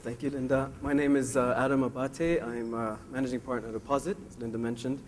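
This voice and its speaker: A man's voice: medium pitch, little pitch movement, fast talker, a little hiss or hum. Fluent man presenting his firm. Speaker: panelist, managing partner. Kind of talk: panel self-introduction. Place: conference panel.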